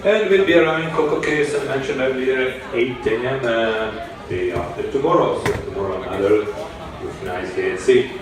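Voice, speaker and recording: A man speaking as a cruise ship captain makes a formal, courteous and measured announcement with halting pauses in a mid-range voice. It comes over loudspeakers inside the ship and is heard from far off by a passenger walking by, so the PA sounds echoey, with passengers chattering in the background.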